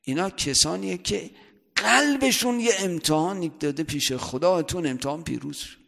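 A man, a seminary cleric, giving a conversational religious lecture, often checking that listeners follow and rising sharply in loudness for emphasis. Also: on the high side, lively intonation, gravelly. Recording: long hall reverb.

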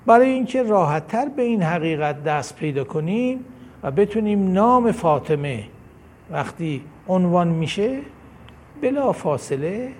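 A man's voice: high-pitched, very animated, darkish tone, slight background noise. A man giving a devotional lecture, reading a numbered list of points in a declamatory way that rises on each number. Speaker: religious lecturer.

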